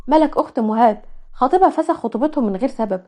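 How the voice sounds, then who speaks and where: A chatty young woman, voiced by an Egyptian woman gushes in a high, fast voice, in a storybook drama. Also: expressive, warm tone. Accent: Egyptian Arabic. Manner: gushing, chatty.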